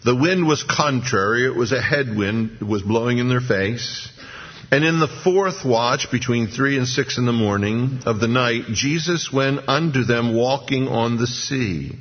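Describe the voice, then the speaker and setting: Preacher, male, husky mid-pitched voice, Bible teaching with dry humor, lo-fi sound. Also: measured pace. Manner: reads scripture then adds wry asides.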